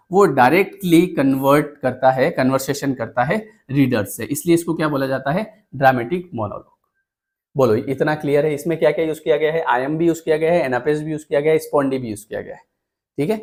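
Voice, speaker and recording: A male teacher with an Indian accent giving an exam-prep lecture, explaining patiently and repeating key points. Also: fairly high pitch. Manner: mixes English terms into Hindi talk.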